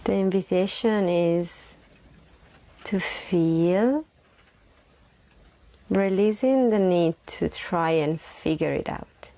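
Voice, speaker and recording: A woman with a lowish, soft voice, breathy at times, leads a soothing guided meditation. She never rushes, pausing long and repeating phrases as she goes.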